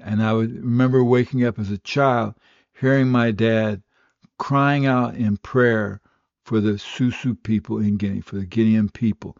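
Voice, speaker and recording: An older man preaching a radio sermon and telling his own testimony, in an earnest, steady storytelling manner. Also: on the low side, no echo. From West Africa. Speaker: radio pastor. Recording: slightly dull, dry radio recording.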